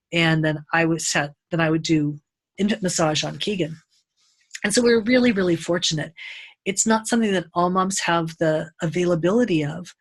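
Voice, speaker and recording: A middle-aged woman teaching an Ayurveda lesson in an unscripted, animated way, acting out quoted voices. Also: fairly low pitch.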